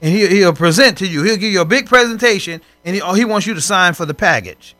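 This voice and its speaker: High, bright-voiced preaching man. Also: fast, dry recording, soft background music. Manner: animated, acts out voices in scripture stories. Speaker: co-host of a faith broadcast. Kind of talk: preaching conversation.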